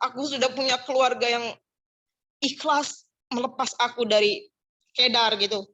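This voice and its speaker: A woman's voice: a little high, steady tone, normal speed, pushed and bright. A young adult woman giving a candid, chatty personal testimony at a church gathering. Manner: candid, chatty, mixes in regional words.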